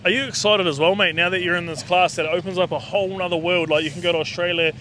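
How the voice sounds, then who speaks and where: A man's voice: high voice, steady tone, fast, sharp tone. A man with a New Zealand accent doing a casual, matey sports interview full of slang. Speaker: trackside interviewer. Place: outdoors at a speedway. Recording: outdoor trackside with vehicle noise.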